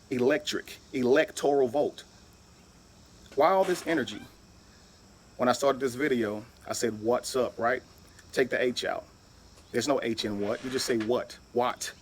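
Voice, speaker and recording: A man's voice: medium pitch, a little mellow, slightly rough. A man giving an emphatic lecture-style monologue, spelling words out letter by letter and asking "right?" often. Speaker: video speaker.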